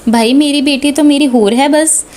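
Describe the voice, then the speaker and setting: Woman voicing an older father, jovial, mock-formal, high voice, storybook. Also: moderate pace, darkish tone, lightly acted. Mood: amused.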